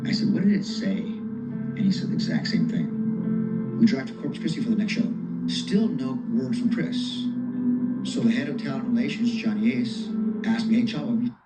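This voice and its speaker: Man recounting events in an interview, lively delivery with acted-out quotes; echoey room, loud music bed. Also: medium pitch, moderate pace. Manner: animated, acts out quoted dialogue. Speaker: former colleague recounting events. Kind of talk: interview storytelling.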